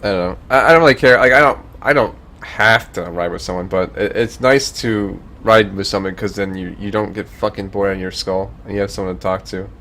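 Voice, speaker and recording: Brief: laid-back male streamer from Virginia, rambling profane chat, lower voice, faint hiss behind. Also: a little fast, few pauses, sharp tone. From Northern Virginia, US.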